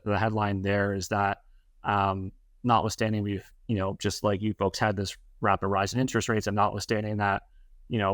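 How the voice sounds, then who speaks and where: A man's voice: on the low side, no room sound, clean studio sound. A Canadian man, a real estate advisor answering interview questions, speaking in a hesitant way with many fillers and restarts.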